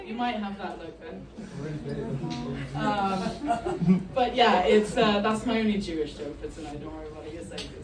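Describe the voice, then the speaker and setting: A middle-aged South African woman with a medium-pitched voice performs stand-up at a normal speed, trading crude banter with a live comedy club audience and poking fun at herself. The mic is set back, so the sound is roomy and full of crowd noise.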